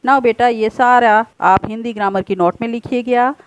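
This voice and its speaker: Patient woman teacher, somewhat high voice. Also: fairly even intonation, moderate pace, clear, resonant tone, no room sound, dull audio. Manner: patient, repeats answers, mixes in English words. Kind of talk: explaining a school textbook lesson.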